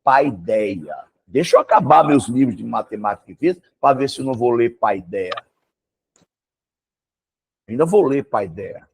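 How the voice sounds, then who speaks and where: A man's voice: mid-range voice, moderate pace, vocal fry, pauses often, breathy edge. A man with a Brazilian Portuguese accent teaching one student over a video call, talking emphatically and asking rhetorical questions. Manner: emphatic and animated, exclaims and asks rhetorical questions. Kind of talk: casual one-on-one lesson.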